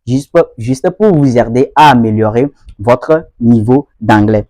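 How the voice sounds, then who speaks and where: A man's voice: medium pitch, a little slow, dark tone, no echo. A man hosting a casual video lesson, talking straight to his viewers, repeating points and often checking they follow. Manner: repetitive, addresses viewers directly with frequent checks for understanding. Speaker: host of an English-learning channel.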